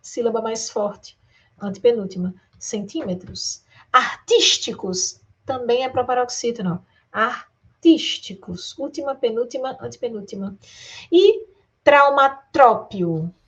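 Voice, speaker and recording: A fairly high-voiced Brazilian woman teaching exam-prep grammar. She draws words out slowly, syllable by syllable, and keeps asking her students questions as she goes. Her delivery is lively and direct. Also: breathy edge. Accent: Brazilian Portuguese. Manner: addresses students directly, asks rhetorical questions.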